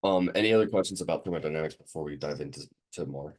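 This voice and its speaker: A man's voice: very deep voice, rapid-fire. A sick, sniffly man tutoring a student one on one, hesitant with many ums as he quizzes them.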